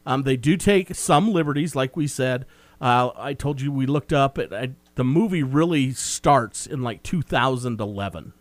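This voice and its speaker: A man's voice: mid-range voice, expressive, moderate pace, no echo. A man co-hosting a casual film review chat, recapping the plot in a meandering, talkative way. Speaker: movie review co-host.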